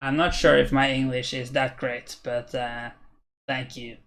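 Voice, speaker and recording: The chess streamer here is a young Norwegian man in his twenties with a Norwegian accent, answering viewers in casual commentary. His medium-pitched voice is flat, a little slow and a bit bright, and he thinks aloud hesitantly while going through chat.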